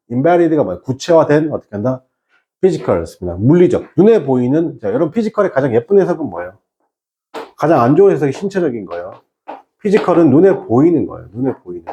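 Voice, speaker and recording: A man's voice: mid-range voice, dark tone. A man teaching an exam-prep English class, firing rhetorical questions and mixing in English terms. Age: 30s or older. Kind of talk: online lecture with an anecdote.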